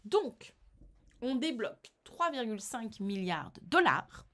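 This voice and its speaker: A woman vlogger from France reading a news article aloud and reacting to it, indignant and animated, with frequent hesitations and restarts. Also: fairly high pitch, slow pace. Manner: animated, indignant, reads then comments, frequent fillers and restarts.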